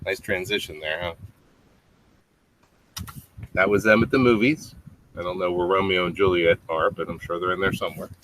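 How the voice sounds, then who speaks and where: A parent in his fifties reads a bedtime story for children in a low-pitched, slightly bright voice, speaking at a normal speed but pausing often. He adds simple explanatory asides for young listeners. The clearly noisy webcam audio, with clicks, was recorded in a small indoor room with a low tiled ceiling.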